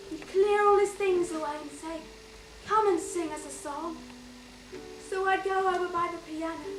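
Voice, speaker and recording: An actress playing a fond mother who tells wistful stories of her past in a stage play. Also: extremely high pitch. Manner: wistful, storytelling, quotes others fondly. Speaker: stage actor. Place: theatre stage. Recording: echoey stage miked from far off, light hiss.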